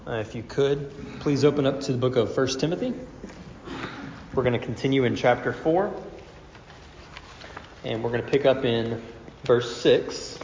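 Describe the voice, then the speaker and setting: A mid-range male voice at a moderate pace, with long pauses and background noise, delivers an expository sermon. He's a pastor getting over a cold, working through scripture step by step, explaining and posing rhetorical questions to a congregation in a large reverberant room. The recording has echoey hall reverb and sounds slightly dull.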